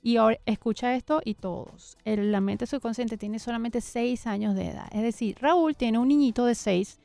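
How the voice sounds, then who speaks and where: A woman's voice: on the high side, normal speed, creaky, mellow, no room sound, faint music behind. A woman, a guest expert, explaining ideas earnestly in an interview, often in lists. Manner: earnest, explanatory, list-like phrasing.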